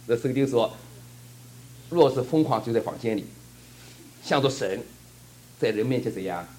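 A man's voice: medium pitch, expressive, moderate pace, mellow. A man preaching a fervent sermon and telling a testimony, asking the congregation rhetorical questions.

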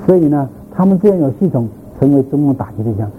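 A man's voice: medium pitch, expressive, fast talker. Man lecturing over a tinny line. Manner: rambling, repeats words, frequent filler particles, asks listeners questions. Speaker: lecturer on church history. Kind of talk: informal lecture to a class. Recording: tinny phone-like sound, faint background noise.

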